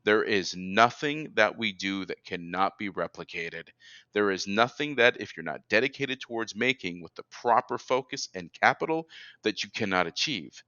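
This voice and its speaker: A male interview host with a fairly low voice builds his point energetically and emphatically in conversation, rising with excitement at a moderate pace. The recording has no echo, but the highs are cut off.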